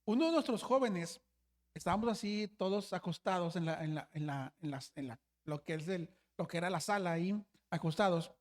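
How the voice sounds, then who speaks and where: A brisk man with a high-sitting voice delivers a storytelling sermon as a pastor. Restarts come often, "hermanos" comes up again and again, and he keeps throwing asides to his listeners.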